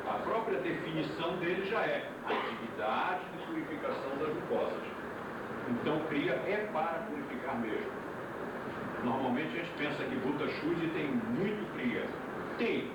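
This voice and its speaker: A man's voice: a little high, lively intonation, normal speed. A man with a Brazilian Portuguese accent, lecturing a yoga class emphatically and asking rhetorical questions, heard from an old VHS tape recording. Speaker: yoga teacher. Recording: echoey room from far off, loud tape hiss.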